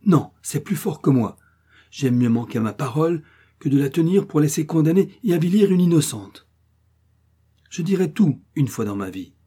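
A man reading aloud and voicing an indignant older peasant woman who speaks out loudly and emphatically in raised tones. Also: lively intonation, moderate pace, breathy edge. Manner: raised pitch, emphatic declaiming.

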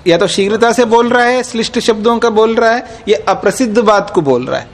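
A man with a high-pitched voice teaches a class, speaking with a Hindi accent. He explains patiently, repeats his examples and keeps checking that his students follow. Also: a little fast. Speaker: teacher of Nyaya philosophy.

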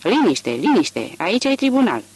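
Man doing a brisk, officious court bailiff. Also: a little high, very animated. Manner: quick, officious.

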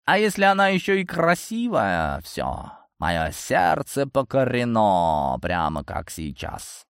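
A man's voice: mid-range voice, wildly swooping pitch, takes it slowly, vocal fry, smooth, no echo, clean studio sound, heavily acted. A man voicing a sardonic, mouthy talking tomcat in an audiobook, with theatrical outbursts. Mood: wry. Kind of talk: audiobook reading.

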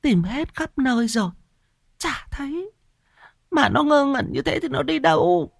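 A man voicing a distraught middle-aged village wife who sobs and pleads in a shrill, high voice. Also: big pitch swings, unhurried, creaky, no room sound, clean studio sound, full character voice. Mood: wailing.

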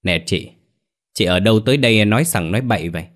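A man voicing a fierce older woman who runs a theater troupe, scolding loudly and fast. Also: fairly low pitch, close to an everyday voice. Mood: furious. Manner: bossy, yelling, rapid scolding.

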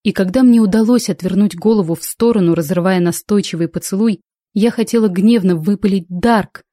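Woman narrator, first-person novel, expressive, mellow tone, dry close recording. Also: mid-range voice, brisk, dry recording. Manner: expressive storytelling. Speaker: audiobook narrator. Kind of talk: first-person fiction reading.

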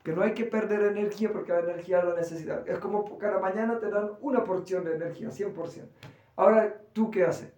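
A man from giving an animated spiritual class in a temple hall, acting out voices as he speaks. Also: high-pitched, muffled recording. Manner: animated, acts out voices, quick asides. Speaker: spiritual teacher. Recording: echoey room, voice far from the mic.

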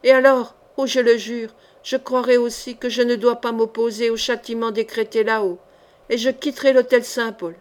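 A woman's voice: on the high side, little pitch movement, normal speed, close to an everyday voice. A woman reader voicing a young woman who pleads fervently with a king. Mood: pleading.

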